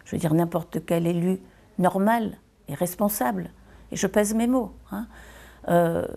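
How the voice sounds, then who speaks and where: Here a woman holding local office offers a loosely improvised political statement, careful and halting, leaning on repeated phrases for weight. The voice is fairly low, mellow, and creaky.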